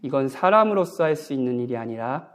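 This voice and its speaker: A man's voice: medium pitch, animated, fairly quick. A man, a guest pastor, preaching a sermon at a church Bible conference in a conversational way, often asking the congregation questions. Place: church sanctuary.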